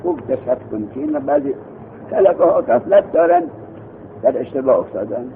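A man leads a seminary grammar lesson, quizzing students and echoing their answers in a lively, gravelly voice that sits a little high. The sound is thin and tinny, like a phone recording. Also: a little hiss or hum. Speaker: teacher.

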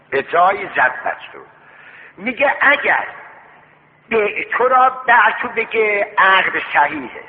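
A fairly high-pitched man delivers a seminary lecture on Islamic law. He asks rhetorical questions and answers them himself, drawing out key terms to stress them. The sound is thin and phone-like, with a long hall echo. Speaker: seminary teacher. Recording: tinny lo-fi recording with long hall reverb.

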